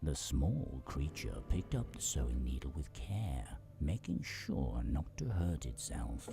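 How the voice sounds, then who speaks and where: A man with a very deep, gravelly voice reading storybook narration for a video game. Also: big pitch swings, a little slow, music in the background.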